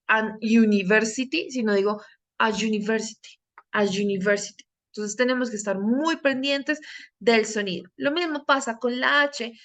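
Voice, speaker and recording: Slow, careful woman teacher. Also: fairly high pitch, fairly bright tone. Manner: slow, careful, repeats words for pronunciation. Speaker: English teacher. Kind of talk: bilingual grammar lesson.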